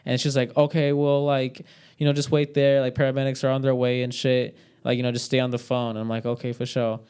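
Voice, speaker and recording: A man's voice: mid-range voice, little pitch movement, brisk, darkish tone, clear, resonant tone. A young man telling a story in casual podcast chat, rambling and swearing with many fillers.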